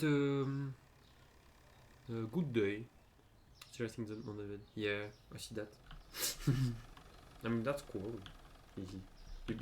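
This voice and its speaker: A man's voice: on the low side, noisy background. A young adult man from France with a French accent, chatting casually and hesitantly while streaming a game, with many fillers and restarts. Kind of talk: casual gaming chat.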